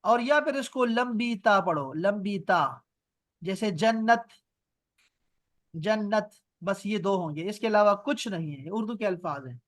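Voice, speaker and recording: A man with a Pakistani Urdu accent teaches an online class over a video call. His voice sits high and sounds dry and close to the mic. He repeats words patiently and checks in with his students often. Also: lively intonation, a bit bright, no room sound. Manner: patient, repeats words slowly for students, asks "theek hai?". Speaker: Arabic and Quran grammar teacher.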